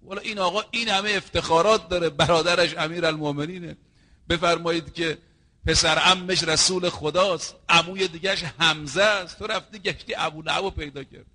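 High bright-voiced male preacher. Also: fairly even intonation. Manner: storytelling, acting out quoted dialogue; addresses listeners directly as brothers and sisters. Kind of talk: sermon.

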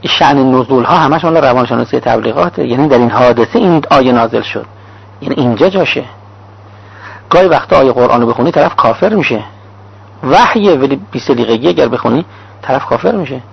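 Male cleric lecturer with a raspy voice and a dull lo-fi sound, lists examples in clipped phrases. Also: mid-range voice, animated. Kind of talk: sermon-style lecture. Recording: dull lo-fi recording.

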